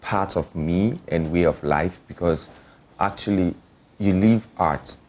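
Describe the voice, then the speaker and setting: A man's voice: deep voice, slow, darkish tone, slight background noise. A man, an artist talking casually and explaining things in an interview. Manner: explanatory, often checking the listener follows.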